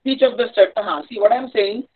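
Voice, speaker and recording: A man's voice: sits high, fast talker. A man with a North Indian accent giving a live online engineering lecture in a hesitant, repetitive, explanatory manner. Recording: dull lo-fi online-class audio.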